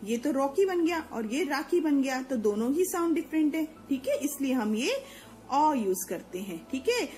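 A woman's voice: sits high, very animated, normal speed, mellow, rough recording. A woman teacher patiently explaining Hindi letters to young children, repeating each sound and checking that they follow. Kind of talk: children's Hindi alphabet lesson.

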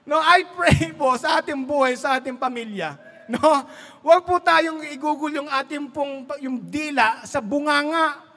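A man's voice: very high voice, unhurried, pushed and bright, in a large hall. A man preaching a sermon as pastor, mixing Tagalog and English, telling jokes and laughing at his own stories.

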